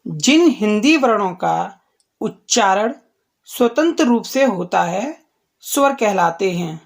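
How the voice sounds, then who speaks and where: Lady teaching kids, really slow and careful, dry recording no room sound. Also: mid-range voice, expressive, dry recording. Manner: slow and deliberate, clearly spelling out letters. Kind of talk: children's lesson.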